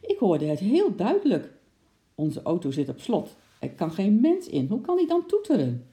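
A narrator putting on an excited, pleading housewife. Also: medium pitch, measured pace. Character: excited middle-aged housewife. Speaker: storybook character.

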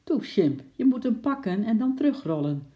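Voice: medium pitch, sing-song, moderate pace, dull audio, voice pushed up, lightly acted. A narrator voicing Lotje, a curious, eager young girl who pleads and calls out. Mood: pleading. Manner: pleading, raised voice.

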